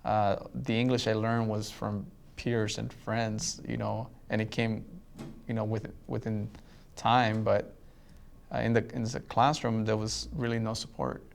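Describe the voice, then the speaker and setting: Gravelly-voiced male teacher, Spanish native. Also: on the low side, level tone, measured pace, slight background noise. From El Salvador. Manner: reflective, with frequent fillers and restarts. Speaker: math teacher. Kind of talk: interview.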